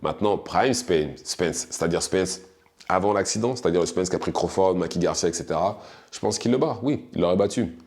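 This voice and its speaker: Low-voiced man musing over boxing. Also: a little fast, a little mellow. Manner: hesitant, many restarts and fillers, conversational. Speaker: boxing commentator. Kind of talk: casual spoken analysis.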